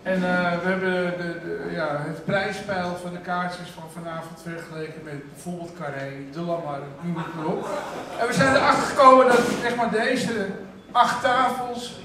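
Male host, high-pitched, hesitant joking announcer; crowd audible in an echoey theater. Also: fairly even intonation, moderate pace. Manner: hesitant, full of fillers, joking. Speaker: host of the evening. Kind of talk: casual stage announcement. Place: theater stage with audience. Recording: echoey theater, distant mic, crowd noise.

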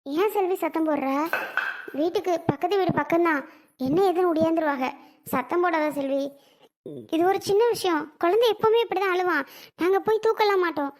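A young performer voicing a calm, patient mother-in-law who speaks softly and coaxingly in a family skit. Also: very high-pitched. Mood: soothing. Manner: soft, coaxing, slow and patient. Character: calm older mother-in-law, gentle and soothing.

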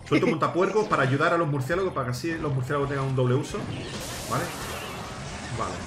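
A man giving excited gameplay commentary, coaching his teammates and shouting at big plays. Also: on the high side, fast. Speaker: gaming YouTuber host. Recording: roomy sound with game music. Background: game music.

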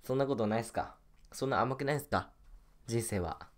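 A man's voice: mid-range voice, a little fast. A young man chatting casually while playing a mobile game, muttering and repeating little phrases to himself. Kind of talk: casual rambling gameplay chat.

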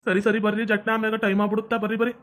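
A man's voice: high voice, little pitch movement, racing, fairly bright tone. A person playing a brash young village man, a grandson, in a comedy sketch, bossy.

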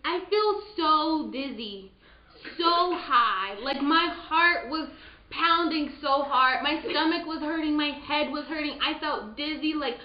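A woman's voice: high voice, slow pace. Chatty young woman in a roomy space. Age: young adult. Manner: chatty storytelling, heavy use of "like". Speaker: vlogger. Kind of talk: casual chat. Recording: roomy, dull lo-fi sound with faint noise.

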